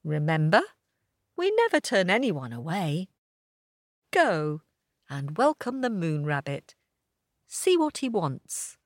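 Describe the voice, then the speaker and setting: A woman voicing a calm, gentle, wise old holy man who speaks soothingly. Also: on the low side, takes it slowly, long pauses, no room sound, studio quality, heavily acted. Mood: reassuring. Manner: soothing, reassuring.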